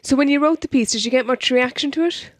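A woman's voice: high-pitched, quick pace, dry recording. An Irish woman co-hosting a radio show in a conversational presenting style. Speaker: radio co-host. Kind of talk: conversational radio presenting, reading listener texts. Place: dry radio studio.

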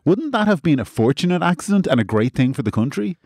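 Brisk comedy show host. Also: male voice, fairly high pitch, very animated, a little mellow, no echo, clean studio sound. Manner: brisk, straight-faced presenter. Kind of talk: improvised comedy talk show.

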